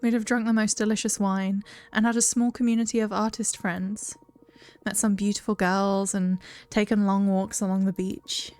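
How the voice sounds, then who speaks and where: A woman voicing a young fortune-teller witch in a video game, reading the dialogue softly and earnestly. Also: medium pitch, little pitch movement, moderate pace, faint music behind, lightly acted. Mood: tender.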